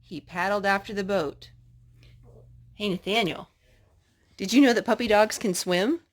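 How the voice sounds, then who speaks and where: Storybook in hand, a woman reads expressively to a child, pausing to explain and check in with questions. Her voice falls in the middle range.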